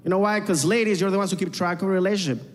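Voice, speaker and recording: A man's voice: high voice, rapid-fire, big-room sound. A man from Venezuela with a Venezuelan Spanish accent, doing a chatty, self-mocking stand-up set and talking with the crowd. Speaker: stand-up comedian. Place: comedy club stage.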